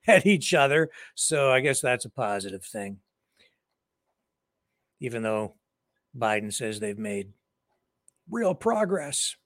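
A man hosts an online news show, offering casual opinion commentary in a chatty, sardonic tone with asides to his viewers. His mid-range voice is a bit bright, recorded with studio quality and no echo.

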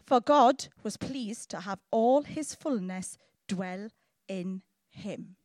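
A woman preacher from south Wales with a Welsh accent gives a lively, informal sermon, teasing her listeners and often checking in with short questions. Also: mid-range voice, slow pace, no echo, studio quality. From Llanelli, south Wales.

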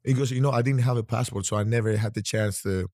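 Fast-talking and medium-pitched, the Greek-accented host, a man in his thirties from Greece, chats through a casual interview, rambling and restarting often in a relaxed manner. The sound is clean studio audio with no echo.

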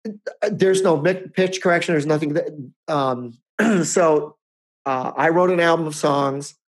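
A man in his fifties talks unhurriedly in a fairly high voice while co-hosting a laid-back podcast. His chat rambles, with frequent restarts and chuckles.

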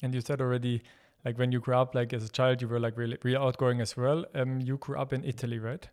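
A man hosting a podcast, asking questions in a casual, halting way with repeated words. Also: mid-range voice, level tone, a little mellow. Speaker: podcast host. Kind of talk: casual interview.

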